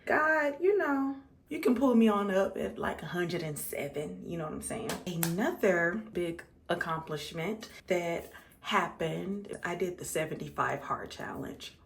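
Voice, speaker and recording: Gravelly and fairly low in pitch, her voice has lively intonation and an unhurried pace. She's a 35-year-old American makeup vlogger casually chatting with viewers during her routine, often repeating words for emphasis.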